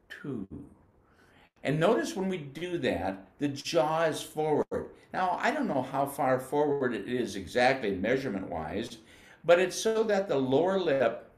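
A patient older man from the United States walks beginners through band technique, explaining step by step and stretching out syllables as he demonstrates them. His voice sits in an ordinary middle pitch and rings a little in an echoey room. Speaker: music educator. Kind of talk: instructional demonstration.

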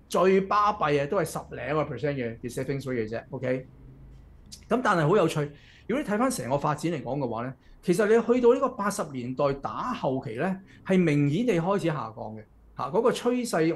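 A man with a Hong Kong Cantonese accent giving chatty economics commentary, often checking in with "OK?" as he walks through a chart. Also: a little high. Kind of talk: casual explanatory commentary. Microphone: computer mic while screen-sharing.

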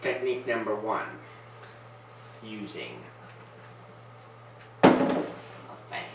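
A young man hosting a homemade comedy talk show, goofy, with loud shouty bursts between mumbled asides. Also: fairly low pitch, sing-song, drawn-out words. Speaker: host. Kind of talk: comic home-video talk show. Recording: roomy, far from camera, faint noise.

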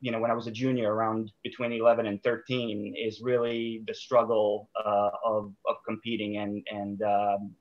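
A man's voice: fairly low pitch, little pitch movement, normal speed, few pauses. Thoughtful man on a dull video call. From Serbia. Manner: thoughtful, many fillers and restarts. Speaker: guest, sport psychologist. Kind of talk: casual interview over video call. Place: small room indoors. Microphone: video call webcam.

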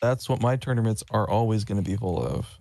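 Young male organizer, low voice, dry close sound, relaxed post-game chat. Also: fast talker, gravelly, dry recording. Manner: laid-back, giving strategy advice. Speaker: tournament organizer.

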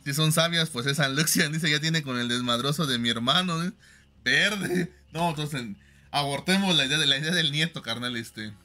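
Man, Mexican accent, young adult, streamer, slangy joking advice, bright forceful voice, somewhat high, faint music behind. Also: normal speed. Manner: joking, slangy, lots of fillers. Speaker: livestream host. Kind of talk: casual chat, joking advice to viewers.

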